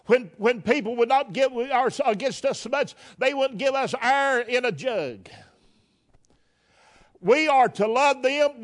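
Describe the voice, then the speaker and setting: Man preacher, very high voice, fervent folksy sermon delivery. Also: a bit bright. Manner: fervent, folksy, rhetorical questions, repeats words.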